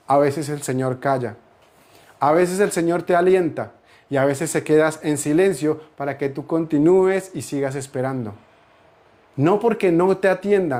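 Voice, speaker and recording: A male pastor preaches with a fairly high, slightly mellow voice. He drives home repeated phrases, building to emphatic peaks.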